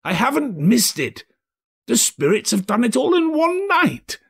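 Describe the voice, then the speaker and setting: A man voicing a giddy, overjoyed old miser reformed overnight, excitable, breathless and full of exclamations, in a storybook reading. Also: very high voice, a little slow, gravelly, breathy edge, voice pushed up, full character voice. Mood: excited.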